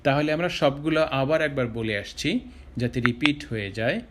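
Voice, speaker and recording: A man's voice: mid-range voice, moderate pace, very noisy. A male English teacher giving a vocabulary lesson, saying each English word over several times and then explaining it. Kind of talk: slow vocabulary drill lesson.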